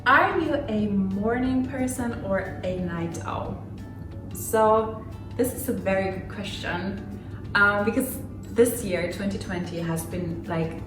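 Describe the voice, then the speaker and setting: A vlogger in her twenties, Finnish by origin and raised in Germany, chats through a casual get-to-know-me Q&A from a room at home, with lots of fillers and little laughs. Her medium-pitched voice sounds roomy, as she's far from the mic.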